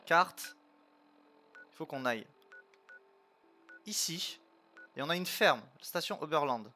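Slow, bright, and forceful, this man's voice is on the high side with lively intonation and slight background noise. He's a let's play streamer chatting casually through a video game, full of fillers and playful jokes.

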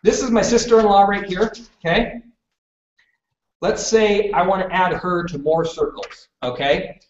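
Speaking in a high voice with fairly even intonation and a slightly slow delivery, this man from British Columbia presents a live workshop to a classroom audience. He keeps things chatty and often asks "okay?" to check in. The audio carries a little hiss or hum and sounds distant, roomy and dull.

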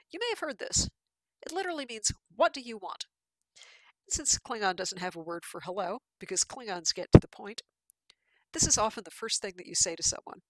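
A woman's voice: fairly low pitch, no room sound. Patient woman explaining with slides, dry sound. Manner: explanatory, patient, with frequent fillers and restarts. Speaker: lecturer. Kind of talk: recorded lecture with slides.

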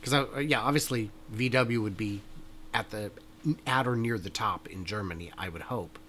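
A man's voice: on the low side, normal speed, fairly bright tone, a little hiss or hum. A man co-hosting a casual news chat show, joking around and thinking aloud. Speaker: podcast co-host.

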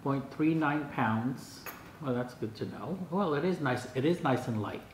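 A man in his sixties, a vlogger, talks casually and thinks out loud while unboxing something in his dining room at home, dropping puzzled asides and reading bits aloud. His mid-range voice is animated and unhurried. The camera sits across the table, and the indoor recording is clean but has a roomy echo.

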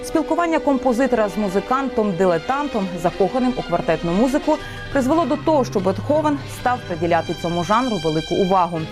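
A woman's voice: mid-range voice, animated, quick pace, over music. A woman news anchor reading scripted news in a formal broadcast style.

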